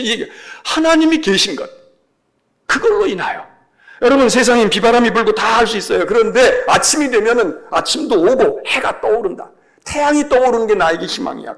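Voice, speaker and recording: A man's voice: sits high, a bit bright. A male senior pastor giving a Sunday sermon in a church, conversational and emphatic, repeating key phrases.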